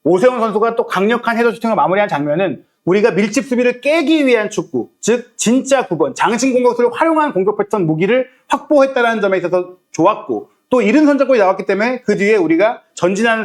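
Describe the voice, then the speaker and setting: A man co-hosting a football analysis talk show, explaining tactics in a lively way and acting out what players say at halftime. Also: sits high, fast, hardly any pauses. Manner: animated, acts out locker-room quotes.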